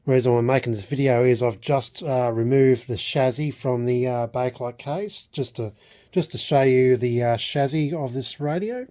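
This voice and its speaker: A hobbyist vlogger with an Australian accent does a casual, unscripted show-and-tell in a mid-range, dark-toned voice at a normal speed. He hesitates and meanders as he goes, often letting his thoughts trail off.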